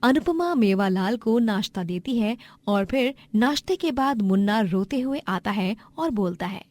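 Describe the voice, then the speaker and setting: A woman narrating a cartoon storybook. She tells the story in a steady, explanatory way. Her voice is mid-pitched and even. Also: measured pace, no room sound.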